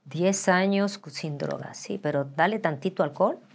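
A woman's voice: fairly low pitch, moderate pace, creaky, noisy background. An older woman with a Mexican accent, telling candid, joking stories as an interview guest and acting out the voices. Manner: animated and joking, acts out voices. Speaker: interview guest, pastor's wife.

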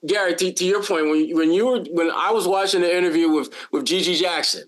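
A man co-hosting a sports podcast in casual chat, talking in an animated, lively way with frequent restarts and playful bits. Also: high-pitched, a little fast. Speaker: podcast co-host.

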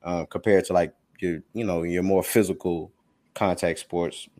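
A young man with a fairly low voice chats casually on a podcast. He rambles, repeats himself and keeps dropping "like" and "bro". He sounds loose and conversational. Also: fairly even intonation, moderate pace, a little mellow. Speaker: podcast co-host. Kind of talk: casual chat.

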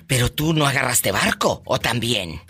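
A man hosting a radio call-in show, teasing callers with flamboyant, quick jokes. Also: mid-range voice, expressive, pushed and bright, breathy edge, faint music behind. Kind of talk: playful radio call-in banter.

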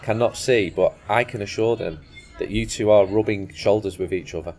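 A man's voice: lowish voice, moderate pace, a little mellow. A man talking on a football podcast with dry, self-mocking humour. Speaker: podcast guest. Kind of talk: casual football podcast chat.

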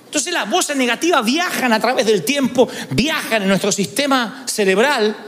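A man's voice: very high voice, moderate pace, big-room sound. A man preaching a sermon in a church, telling stories and acting out inner voices. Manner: animated storytelling preacher, acts out inner voices. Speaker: pastor.

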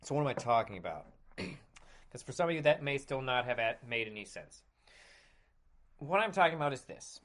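A man in his thirties hosting a podcast, talking casually with sarcasm and frequent throat clearing. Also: mid-range voice, animated, a little fast, pauses often, a bit bright. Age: 30s. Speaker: podcast host. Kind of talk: casual monologue.

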